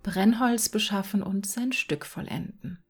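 A woman voicing a selfless, sorrowful prince statue in a whispered role-play, gentle in manner. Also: mid-range voice, a little slow, husky, faint music behind.

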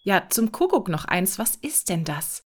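Ein neugieriger, ungeduldiger junger Bursche, gesprochen von einer Frau, etwas höher und lebhafter als die Erzählstimme. Er fragt schnell drauflos und reagiert spontan. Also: female voice, medium pitch, sing-song, a little slow, heavy background noise. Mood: curious. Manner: curious, impulsive. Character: eager, hungry young working lad.

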